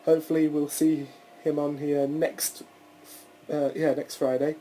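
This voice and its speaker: A man's voice: fairly high pitch, level tone, measured pace, mellow, a little hiss or hum, poor audio. A young man hosting a casual solo podcast, rambling through his thoughts with frequent restarts and the odd swear word. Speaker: podcast host.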